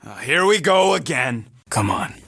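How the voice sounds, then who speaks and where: An actor voicing a cocky, irritable raccoon mercenary in a video game, with a rough street-tough voice and brash, sarcastic, slangy delivery. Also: male voice, mid-range voice, sing-song, a little slow, bright, forceful tone, exaggerated voice. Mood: subdued, sincere. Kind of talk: video game character barks.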